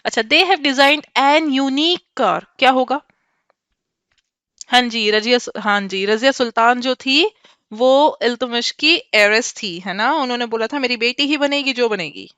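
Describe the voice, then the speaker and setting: A woman's voice: fairly high pitch, measured pace, bright, forceful tone, clean tone, dry recording. A woman teacher with an Indian accent, quizzing students by name as she mixes Hindi and English in a lesson. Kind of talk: online class lesson.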